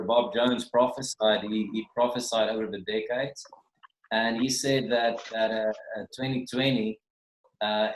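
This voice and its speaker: A man teaching as a minister in a casual, rambling way that often repeats and restarts words, heard over a video call. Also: fairly low pitch. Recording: roomy video call audio.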